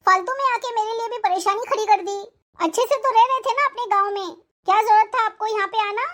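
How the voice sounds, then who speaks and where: A voice actor playing a resentful younger daughter-in-law who complains angrily and sarcastically in an animated moral story. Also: very high-pitched. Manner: angry, sarcastic, rapid complaining.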